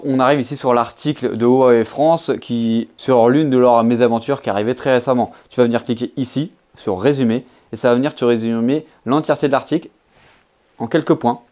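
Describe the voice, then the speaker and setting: A man's voice: mid-range voice, darkish tone. A man giving a casual phone review, chatting informally and addressing the viewer directly with frequent fillers. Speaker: tech reviewer.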